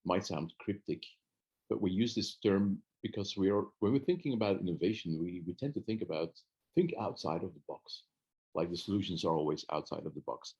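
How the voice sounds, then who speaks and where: A man from Belgium speaks as the guest consultant in an online webinar, his voice sitting low. He talks earnestly over a video call, often stopping to restart a sentence before pressing on. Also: fairly quick, a little mellow, slightly rough, muffled recording. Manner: earnest, with frequent restarts and fillers. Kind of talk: webinar presentation.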